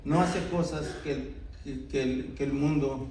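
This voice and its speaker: A man's voice: medium pitch, fairly even intonation, measured pace, darkish tone, recorded from a distance, slight background noise. Man, middle-aged, sermon, earnest, rhetorical asides, echoey church hall. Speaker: pastor.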